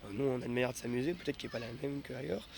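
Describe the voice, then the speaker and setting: A man's voice: medium pitch, rapid-fire, gravelly, a little mellow, a little hiss or hum. A man in his twenties, a festival volunteer, answering interview questions with hesitant fillers. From France. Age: 20s.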